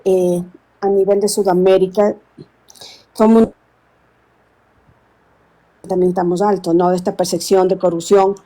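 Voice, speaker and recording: A woman, calling in to a live stream and speaking earnestly, often pausing to search for words. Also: medium pitch, dark tone, rough recording. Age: 60s. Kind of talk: casual call-in chat.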